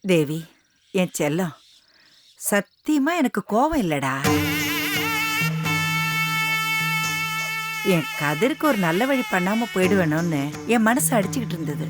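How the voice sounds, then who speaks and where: A woman's voice: lowish voice, very animated, moderate pace, over loud music. A middle-aged woman playing a loving, ailing mother in a TV serial, tender and coaxing. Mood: tender tearful. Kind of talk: TV serial acting.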